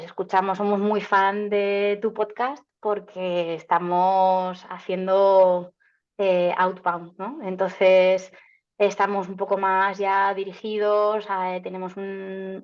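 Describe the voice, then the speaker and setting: A woman, a marketing agency founder from Canada, answering interview questions in a chatty way with many fillers and restarts. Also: medium pitch. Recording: slightly dull lo-fi sound.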